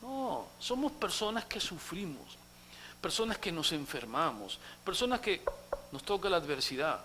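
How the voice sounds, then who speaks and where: A male pastor preaching a sermon dramatically, acting out quotes and swinging from loud outbursts to hushed asides, in a church. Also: on the high side, big pitch swings, normal speed, slight background noise.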